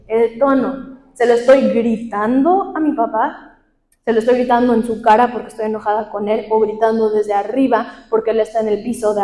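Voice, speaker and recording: A woman's voice: fairly high pitch, dark tone. Young woman teaching in an echoey hall. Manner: conversational teaching with questions to the audience. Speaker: workshop speaker. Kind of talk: talk to a live group. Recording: echoey hall with long reverb.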